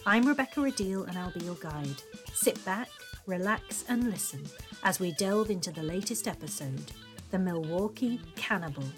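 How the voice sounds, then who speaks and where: A woman's voice: fairly low pitch, animated, moderate pace, faint music behind. A woman hosting a podcast in the style of a true crime narrator, reading scripted narration. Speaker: podcast host.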